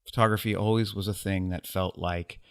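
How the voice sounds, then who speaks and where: This low-pitched American man speaks in an even, clean tone. He's a guest photographer in a laid-back interview, reflecting aloud with wry jokes at his own expense and plenty of "ums" filling the gaps.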